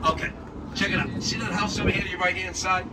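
A man's voice: high voice, level tone, fast talker. A man working as a tour guide, giving joking live commentary like a showman and quizzing his listeners. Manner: showman-like, quizzing the listeners with short check questions. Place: moving tour vehicle in city streets. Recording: distant mic, loud traffic and vehicle noise. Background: loud engine and street traffic noise.

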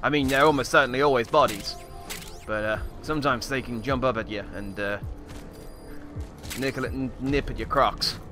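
With a natural, mid-range voice at a moderate pace, a man deadpans as a self-important Australian survival expert, his put-on accent drifting around. The improvised comic game commentary is hesitant and rambling, styled as mock lessons, and plays over music.

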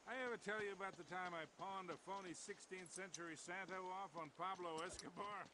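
An actor playing a wry, roguish older male treasure hunter in a video game, with a gruff storytelling manner. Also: high-pitched, fairly even intonation, a little fast, noisy background, lightly acted. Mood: jovial.

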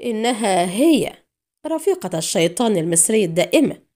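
A woman's voice: mid-range voice, lively intonation, quick pace, natural voice. A woman reading an audiobook, voicing a cruel, scheming female spy who mocks coldly and snaps in anger. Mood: cold mocking. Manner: cold menace rising to sharp anger.

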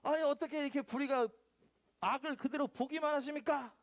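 A man's voice: very high-pitched, fairly quick, voice pushed up. A male pastor voicing an exasperated prophet who protests and pleads with God. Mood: protesting.

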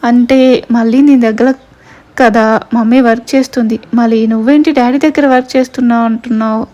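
A woman's voice: a little high, fairly even intonation, a little fast, warm tone, muffled recording, natural voice. A woman voicing a sweet, cheeky little girl who pleads in a cute, childish way.

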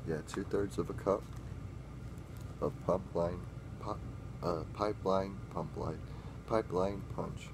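In a noisy recording, a young vlogger with a low-pitched, unhurried voice pauses often as he samples drinks he's mixed. It's a casual taste-test video shot in a small dim room, and he rambles, self-corrects, and gets excited when tasting.

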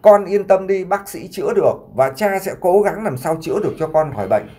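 A remorseful doctor father imploringly consoles his son, as a male storyteller voices him. His fairly high voice swings widely with feeling. He sounds like a figure in a spoken tragedy. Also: animated, brisk, a little mellow.

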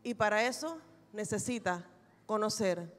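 A woman pastor preaching a sermon, telling a personal testimony in an animated, humorous way. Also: mid-range voice, measured pace. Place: large church hall. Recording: reverberant church hall recording.

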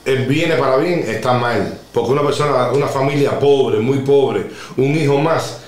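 A man talking on a podcast, making his points in a calm, reasoned way. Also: medium pitch, moderate pace, crowd noise. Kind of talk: casual chat. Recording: roomy echo.

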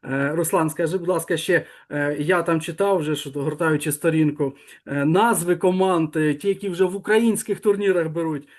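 A man interviewing a guest in a relaxed, encouraging way. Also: on the high side, normal speed. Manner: encouraging, laughs often. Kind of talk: casual interview talk.

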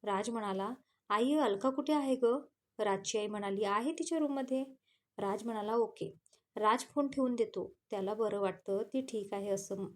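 Reading a romance story aloud in a mid-range voice, a woman with a Marathi accent voices each character's lines herself, with plain narration tags in between.

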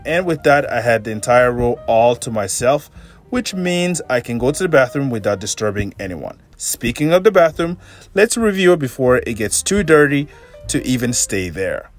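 A man in his thirties reviewing a flight in a measured, matter-of-fact way, filmed on a phone in an airplane cabin. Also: medium pitch. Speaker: travel vlogger. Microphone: phone held at arm's length.

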